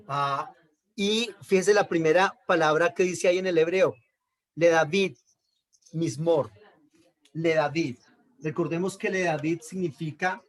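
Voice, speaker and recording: A man with a voice on the high side teaches a Bible lesson on Hebrew accent marks. He explains patiently, repeats key terms, and checks in with his listeners.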